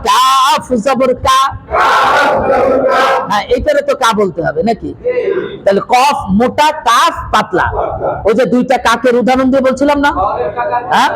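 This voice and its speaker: Loud chanting teacher in a noisy classroom. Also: male voice, very high-pitched. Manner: calls out syllables loudly in slow drawn chant, repeats for students. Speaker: Quran reading teacher. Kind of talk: classroom lesson, drilling letter sounds. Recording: noisy room with crowd of students.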